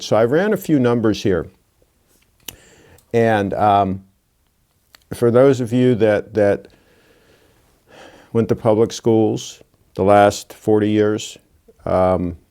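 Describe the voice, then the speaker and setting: A man in his 60s who hosts his own watch channel lectures bluntly in a casual monologue peppered with folksy asides. His voice sits on the low side and sounds mellow.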